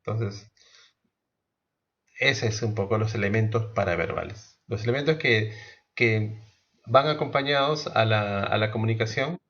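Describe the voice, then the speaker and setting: Man teaching an online class, gravelly. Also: lowish voice, unhurried, fairly bright tone, lo-fi sound. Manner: explanatory, asks the class questions, many restarts.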